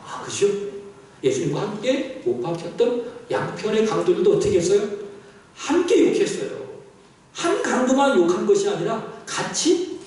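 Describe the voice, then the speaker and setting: Male pastor, high lively voice, preaching with questions to the pews; echoey church hall, mic at a distance. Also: moderate pace. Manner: animated preaching, asks the congregation questions. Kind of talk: sermon. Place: church sanctuary.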